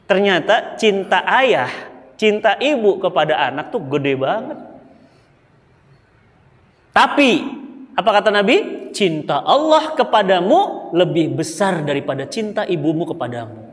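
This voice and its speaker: A man with a Sundanese accent delivers a mosque sermon in a notably high voice. He preaches with animated emphasis and keeps calling out to the women in the crowd. A long hall reverb trails after his words. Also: measured pace, long pauses. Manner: animated, emphatic, often addressing the women in the audience.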